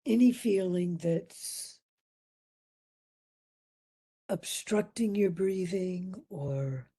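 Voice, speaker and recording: A woman with a fairly low pitch and lively intonation leads a guided meditation as instructor. She remains gentle and soothing, using long pauses, and her breathy voice occasionally verges on a whisper.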